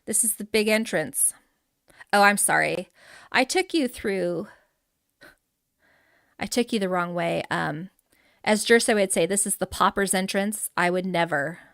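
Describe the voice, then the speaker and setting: A woman's voice: mid-range voice, measured pace, creaky, pauses often, a bit bright, no echo. Giggly woman streaming a game, dry mic. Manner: chatty and giggly, reading out chat names. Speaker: livestream host touring a game island. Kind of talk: casual live gameplay chat.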